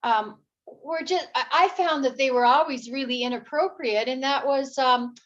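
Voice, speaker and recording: A woman with a high voice talks in a hesitant, reflective way in a casual chat. Her sound comes through dull and lo-fi. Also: moderate pace.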